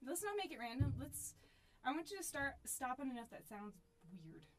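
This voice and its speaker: A woman's voice: sits high, big pitch swings, normal speed. A woman giving a casual violin lesson, patient and encouraging in a chatty way. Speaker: violin teacher. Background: violin playing.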